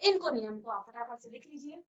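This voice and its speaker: A woman's voice: sits high, sing-song, a little fast, muffled recording. A woman teacher giving a classroom grammar lesson, explaining step by step and asking questions she then answers herself. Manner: explains step by step, often asks and answers her own questions. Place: virtual classroom studio.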